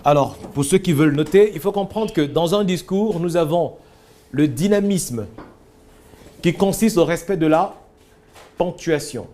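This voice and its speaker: A man leading a voice training workshop, coaching students with animated corrections. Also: fairly high pitch, measured pace, long pauses.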